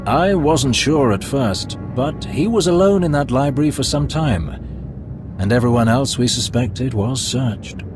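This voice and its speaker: Playing a courteous Imperial spymaster and advisor in a video game cutscene, the actor uses an expressive, medium-pitched voice close to everyday speech. Music score runs behind him, and his delivery is reserved, formal, and deliberate.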